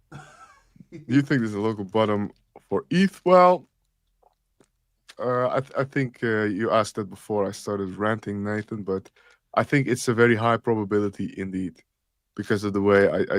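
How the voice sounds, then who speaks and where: An Austrian-accented man hosts a live crypto show, walking through charts in a lowish voice at normal speed. He rambles and thinks aloud, with frequent fillers, and the recording is dry.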